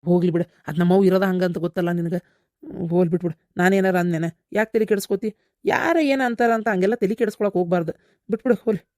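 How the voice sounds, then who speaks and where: A woman doing a reproachful young village woman, North Karnataka accent, rapid talk, mellow tone. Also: fairly low pitch, dry recording, clean studio sound, close to an everyday voice. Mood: calming. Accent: North Karnataka Kannada. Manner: reproachful, firm. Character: level-headed young woman scolding her mother. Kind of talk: cartoon voice acting.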